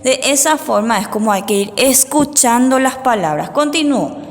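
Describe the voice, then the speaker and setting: A woman teaching young children, dictating words and sounding out each syllable slowly and clearly, giving patient step-by-step instructions. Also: fairly high pitch, lively intonation. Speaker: primary school teacher. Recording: roomy, reverberant echo.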